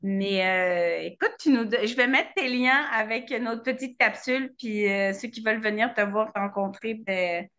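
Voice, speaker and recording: A woman's voice: on the high side, moderate pace, few pauses, a bit bright, dull audio. A woman host with a French accent from France, chatting playfully in an interview and joking about herself. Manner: chatty, playful, self-mocking. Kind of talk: casual interview chat.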